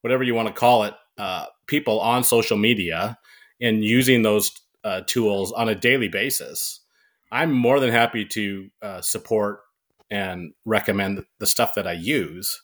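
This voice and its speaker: A man's voice: fairly low pitch, measured pace, a bit bright. A man chatting casually as a podcast guest, with a wry, self-deprecating sense of humour. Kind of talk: casual chat. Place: barn.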